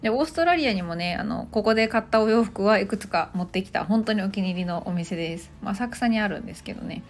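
A woman in her thirties hosting a casual spoken English lesson, explaining slowly and chattily with many small fillers. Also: mid-range voice. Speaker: English teacher and podcast host.

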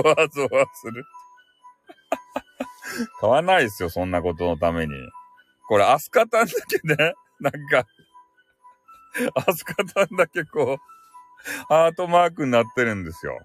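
Laughing Hakata-accented man, lively pitch. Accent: Hakata dialect, Fukuoka. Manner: chatty, laughs often, self-mocking, drawling dialect. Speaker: solo audio-stream host reading live listener comments. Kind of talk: casual live chat. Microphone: close home microphone.

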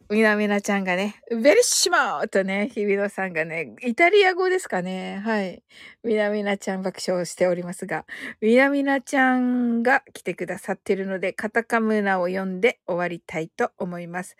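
A woman's voice: medium pitch, expressive, moderate pace, no echo, clean studio sound. A woman hosting a live audio broadcast in casual chat, bubbly and laughing often as she reads out listener comments.

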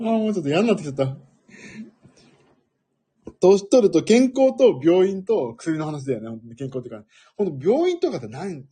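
Mellow, husky middle-aged man chatting casually, very expressive pitch. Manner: self-deprecating. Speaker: audio livestream host. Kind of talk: casual rambling chat.

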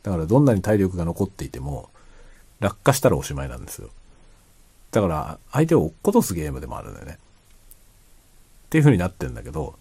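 A man chatting casually and quietly late at night, rambling as he explains, often trailing into soft asides. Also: huge pitch swings, fast talker, gravelly, long pauses, breathy edge. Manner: quiet, low-voiced late-night talk. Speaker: streamer chatting to listeners.

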